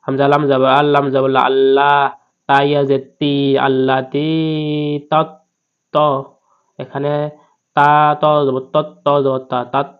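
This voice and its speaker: Man teaching slow, careful Quran reading. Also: mid-range voice, completely flat delivery, smooth. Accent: Bangladeshi Bengali. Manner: spells each word slowly, then chants it drawn out. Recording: dull lo-fi recording.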